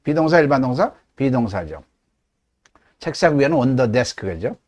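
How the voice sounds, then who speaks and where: A man's voice: mid-range voice, big pitch swings, moderate pace, darkish tone. A middle-aged man teaching English grammar in a lecture, explaining step by step and answering his own questions.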